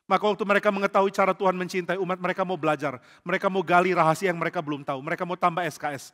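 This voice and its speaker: A man preaching a lively sermon to a congregation as pastor, acting out little dialogues and jokes. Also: high-pitched, racing. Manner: animated, acts out quotes and jokes with the congregation. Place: large church hall. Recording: church hall reverb.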